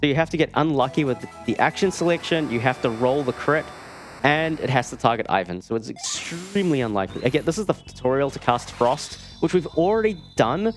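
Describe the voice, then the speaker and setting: With video game music in the background, a man offers laid-back live commentary as he plays at a streamed gaming marathon, tossing in wry remarks and leaving sentences unfinished. He talks briskly in an expressive, mid-range voice.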